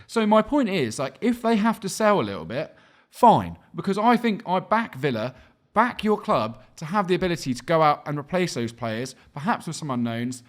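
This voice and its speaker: A young man ranting animatedly as co-host in a football debate chat. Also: a little high. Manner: ranting, animated, quick asides. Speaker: podcast co-host.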